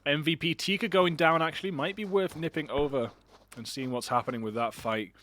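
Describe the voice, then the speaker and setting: A man's voice: on the high side, a little fast, a bit bright, slight background noise. A man casting an online shooter match alone, chatty and rambling, with self-deprecating asides. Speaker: esports caster. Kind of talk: solo game commentary.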